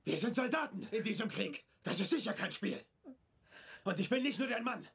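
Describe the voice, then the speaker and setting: A domineering revolutionary chief. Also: male voice, sits high, lively intonation, normal speed, creaky, slightly rough, heavily acted. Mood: lecturing, angry. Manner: cold, commanding, bursts into shouting. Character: domineering male revolutionary leader, controlling and contemptuous. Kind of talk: German film dub.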